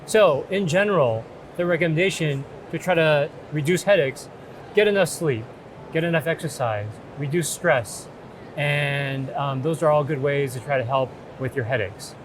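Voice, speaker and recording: Speaking at normal speed with a fairly high pitch, a middle-aged man takes the doctor's role in a staged patient consultation. The talk is conversational, reassuring and explanatory, recorded at an open booth inside a large, noisy exhibition hall.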